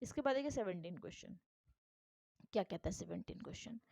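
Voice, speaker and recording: A woman's voice: mid-range voice, lively intonation, brisk, gravelly, a little mellow, slightly rough, no echo. A woman teacher gives an exam-prep lesson, reading questions aloud and explaining step by step while checking that students follow. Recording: dull, lo-fi dry recording.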